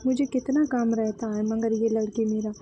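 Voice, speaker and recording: A woman's voice: on the high side, fairly even intonation, moderate pace, warm tone, reverberant, lo-fi sound, a little hiss or hum, lightly acted. A woman voicing an irritated scolding mother. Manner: complaining, scolding. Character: scolding middle-aged mother, easily annoyed.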